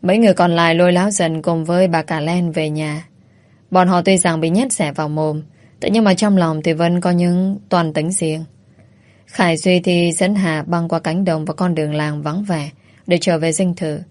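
A woman narrating a story in an even, measured way. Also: on the low side, no room sound.

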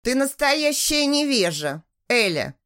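A woman's voice: high-pitched, sing-song, slow pace, a bit bright, clear, resonant tone, voice pushed up, exaggerated voice. Cool, curt male manager in a spoken story, a woman reading it, clipped delivery. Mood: angry. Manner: cold, clipped.

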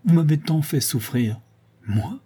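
A man's voice: mid-range voice, normal speed, dark tone, slightly rough, close to an everyday voice. A man voicing a desperate middle-aged mother who pleads and protests to defend her accused son. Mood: anguished. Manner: pleading, indignant, breaking into cries.

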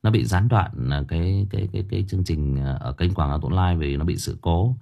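A man's voice: sits low, a little fast, gravelly, dark tone, dull audio. A man hosting a livestream for his story channel, chatting casually and rambling straight to his viewers.

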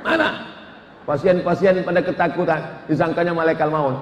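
A man preaching a humorous sermon, telling lively stories with comic asides. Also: a little high, moderate pace, background noise. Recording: echoey hall with long reverb.

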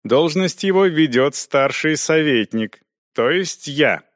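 A man's voice: a little high, lively intonation, dry recording, clean studio sound, voice pushed up. A man reading an audiobook, voicing a grey-bearded older council head who speaks coldly and grudgingly. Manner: cold, grudging, deliberate.

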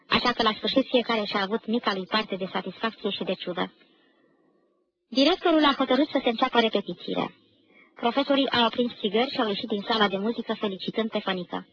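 A woman reads a novel in a measured, literary manner, giving the characters' lines a light touch of acting. Her voice sits a little high. The recording is a dull-sounding 1990 radio archive with a faint hiss underneath. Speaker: reader of a novel.

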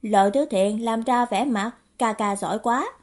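A woman narrating a novel as an audiobook in a steady storytelling manner. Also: fairly high pitch, normal speed. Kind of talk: scripted narration.

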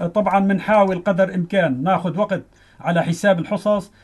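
A middle-aged man with a Syrian accent explaining earnestly as a teacher in a radio interview, haltingly and repeating phrases for emphasis. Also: sits high. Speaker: mathematics teacher, studio guest.

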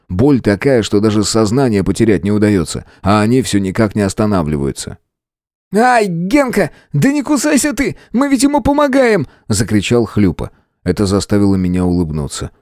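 A man narrating a first-person audiobook in an expressive, dramatic way. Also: lowish voice, dry recording, clean studio sound. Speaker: audiobook reader.

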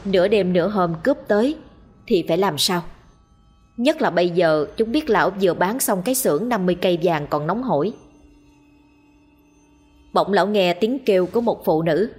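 A woman narrates a ghost story with steady drama. Her voice sits low and sounds breathy, with soft music underneath. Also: normal speed, long pauses.

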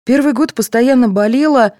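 A woman voicing a soft, indulgent mother who fusses and apologizes for her children in an audiobook. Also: a little high, normal speed, dry recording, studio quality, pitched above the performer's own voice, lightly acted. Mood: fussing. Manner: fussing, apologetic.

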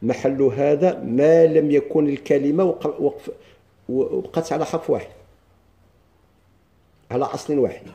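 Moroccan male teacher, very dark mellow voice, drills the class with questions. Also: fairly high pitch, dull audio. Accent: Moroccan Arabic. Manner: questions the class and answers himself, reads lines slowly. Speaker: grammar teacher. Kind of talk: classroom lesson explaining a text.

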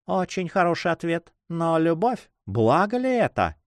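A man voicing a quick-witted, mischievous young noblewoman who teases and laughs at the lovers. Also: a little high, no room sound, studio quality, voice pushed up. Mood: teasing. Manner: mocking, laughing, lively.

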